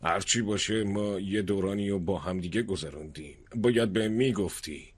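A low, husky, kindly but firm village chief, dry sound. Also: male voice, no echo. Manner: earnest, gently reproachful. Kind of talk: dubbed drama acting.

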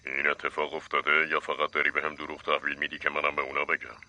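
Crime contact, cold, exacting, extremely low voice, sharp tense tone, dubbed game dialogue. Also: male voice, monotone, full character voice. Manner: cool, probing questions. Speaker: criminal contact.

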